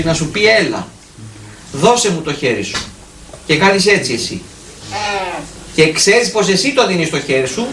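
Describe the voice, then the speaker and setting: A man, an Orthodox priest, answering questions from listeners in a conversational, gently teasing way, often repeating the words of a prayer. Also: on the high side. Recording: echoey room, far from mic, faint noise.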